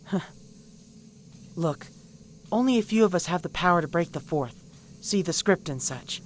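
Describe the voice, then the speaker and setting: A woman voicing a hyper, secretive young female party pony who talks in bouncy, rapid bursts, in a fan-made cartoon parody. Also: fairly low pitch, lively intonation, slight background noise, natural voice. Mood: reassuring.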